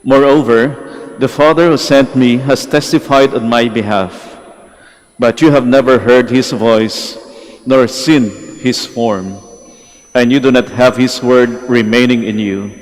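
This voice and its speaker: A man, a priest, reading the gospel aloud in a slow, measured, solemn way during Mass, with a long cathedral echo. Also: medium pitch, fairly even intonation. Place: large church during Mass. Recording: long reverb of a large church.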